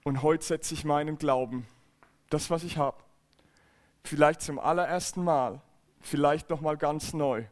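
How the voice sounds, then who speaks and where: Earnest preaching man, fairly high voice. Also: a little slow, long pauses. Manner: earnest, emphatic preaching with repetitions and restarts. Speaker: pastor. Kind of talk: sermon. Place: church service.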